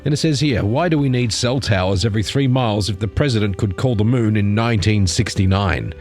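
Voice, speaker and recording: A man's voice: fairly low pitch, fairly quick, a little mellow. A man hosting an informal news commentary on memes, rambling along in a casual, sardonic way. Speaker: host of a satirical news commentary channel. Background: music.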